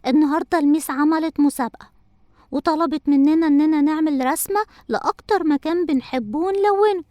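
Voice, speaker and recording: An impatient little cartoon girl, voiced by a woman with an Egyptian accent and a very high, childlike voice. She whines and complains quickly. The sound is dry and close to the mic. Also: dark tone, no room sound, lightly acted. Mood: sheepish. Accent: Egyptian Arabic. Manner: whiny, impatient. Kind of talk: cartoon voice acting.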